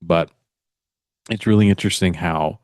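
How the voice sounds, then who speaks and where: A man co-hosting a podcast, chatting casually in a thoughtful, measured way. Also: deep voice, no echo, studio quality. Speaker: podcast co-host. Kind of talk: casual chat.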